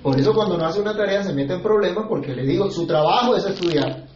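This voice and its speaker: A man's voice: sits high, expressive, fast talker, darkish tone, slight background noise. A man, preaching a sermon in a conversational style that leans on rhetorical questions to the congregation. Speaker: pastor. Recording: echoey, slightly muffled room recording.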